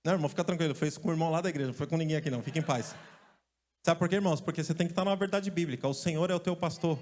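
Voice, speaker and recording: A male pastor from Brazil preaching a lively sermon, joking and calling out to his congregation. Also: a little high, rapid-fire. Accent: Brazilian Portuguese. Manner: lively, joking storyteller who calls out to the congregation. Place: church stage.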